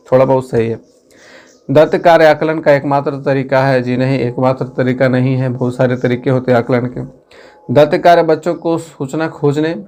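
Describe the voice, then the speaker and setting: A man's voice: mid-range voice, darkish tone. A man teaching an exam-prep lesson, reading out each question and its options and then explaining the right answer in a plain, methodical way. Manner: methodical, plain-spoken, addressing students directly.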